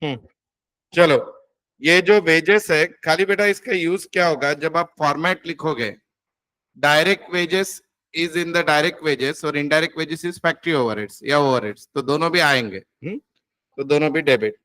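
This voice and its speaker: Man, accounting tutor, fairly high voice, quizzing students. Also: takes it slowly, bright, forceful tone. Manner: coaxing, addresses students as beta, quizzes them. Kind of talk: classroom teaching.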